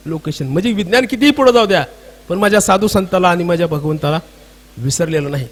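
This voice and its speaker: A man's voice: sits high, fast. A man with a Marathwada Marathi accent preaching a devotional kirtan sermon. He tells a story, quizzes the audience and breaks into chant.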